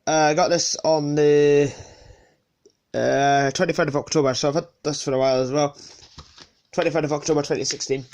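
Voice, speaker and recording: A man presents his collection casually and without a script, sniffling from a cold and often hesitating or correcting himself. His voice is fairly high and darkish, with fairly even intonation and a fairly quick pace broken by long pauses. It comes across as relaxed show-and-tell.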